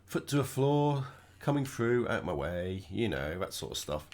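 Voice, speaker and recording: With a lowish voice made croaky by a cold, a British gaming channel host talks at normal speed. His casual gameplay commentary is relaxed and chatty as he thinks aloud behind the wheel.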